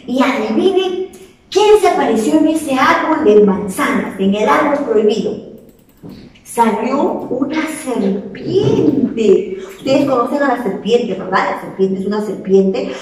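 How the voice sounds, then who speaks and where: A woman teacher with a Peruvian Spanish accent, slowly telling a story to small children and asking them questions. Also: fairly high pitch. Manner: slow, expressive, asks children questions. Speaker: preschool teacher. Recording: echoey room, voice from far off.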